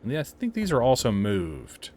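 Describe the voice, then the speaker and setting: A man's voice: medium pitch, wildly swooping pitch, moderate pace, a little mellow, slight background noise. A man casually commenting as he plays a horror game, thinking aloud, puzzled, with startled yelps and laughs. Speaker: game reviewer playing a horror game. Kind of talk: casual let's-play commentary.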